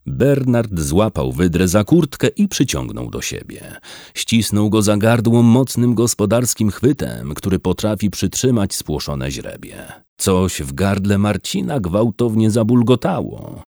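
A man reading a story aloud, lively and expressive as a storyteller. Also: fairly low pitch, unhurried, vocal fry, no echo, clean studio sound. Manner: lively storytelling, shifting into character voices. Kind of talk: audiobook narration.

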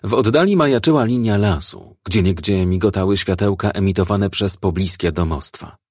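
Low, husky male audiobook narrator. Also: moderate pace, darkish tone, no room sound, studio quality. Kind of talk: audiobook narration of a crime novel.

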